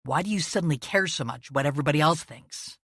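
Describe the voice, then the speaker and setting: A man's voice: on the high side, fast talker, creaky, a bit bright, breathy edge, dry recording, clean studio sound, exaggerated voice. A woman narrator voicing a frustrated, restless husband who snaps defensively in an audiobook. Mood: snapping. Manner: snappish, defensive.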